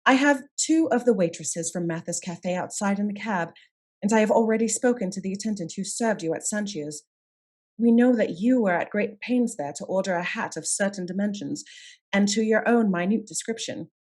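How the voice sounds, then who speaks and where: A woman with a medium-pitched, slightly mellow voice, close to her everyday voice, speaks at a moderate pace. She plays a shrewd, composed lady detective of Scotland Yard, commanding and assured, in a period radio mystery. Resolute and accusing, she lays out her case methodically, articulately and formally.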